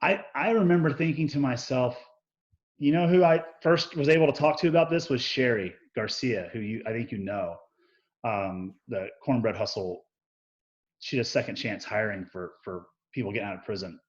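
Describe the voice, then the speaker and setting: A man's voice: medium pitch, normal speed, muffled recording. A man speaking as an interview guest, telling personal stories candidly, swearing freely and acting out bits of remembered dialogue. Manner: profane, animated, acts out quoted dialogue.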